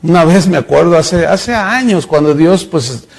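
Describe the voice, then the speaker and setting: A man's voice: a little high, lively intonation, unhurried, vocal fry. A middle-aged male pastor preaching a sermon, telling stories and acting out the voices in them. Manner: storytelling preacher, acts out voices in anecdotes.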